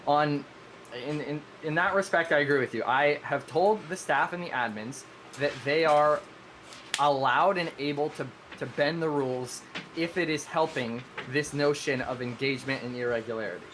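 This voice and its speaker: A man's voice: on the high side, normal speed, fairly bright tone, slight background noise. A man who runs a game server, explaining his rules earnestly in a live-streamed discussion, rambling and often restarting his sentences. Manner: earnest, rambling, self-correcting with many restarts.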